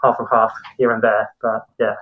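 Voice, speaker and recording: The audio is narrow and tinny as a Colombian man, a tattoo and comic artist, talks through a mask as a podcast guest. His fairly low voice moves at normal speed with little variation while he casually recounts stories, hedging a bit.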